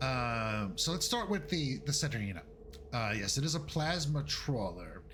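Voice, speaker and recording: A man's voice: medium pitch, very animated, moderate pace, noisy background. Casual, rambling male game master. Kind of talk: running a tabletop game online.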